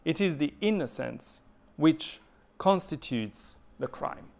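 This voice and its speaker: His voice is on the high side, expressive and creaky. This man from southern Italy, speaking with an Italian accent, lectures adult learners thoughtfully, reading out quotations and explaining them while pausing with fillers and frequently restarting sentences.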